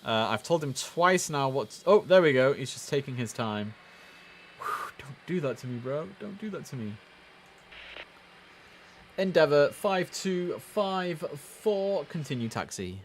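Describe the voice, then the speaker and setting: A livestream host with a slightly high voice keeps a measured pace as he chats through a casual game. Every so often he lapses into the clipped phrasing of air traffic radio, and background noise runs steadily.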